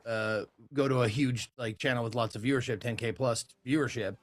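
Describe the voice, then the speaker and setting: A man's voice: mid-range voice, steady tone, brisk, no room sound. A man in casual podcast chat who jokes and swears freely.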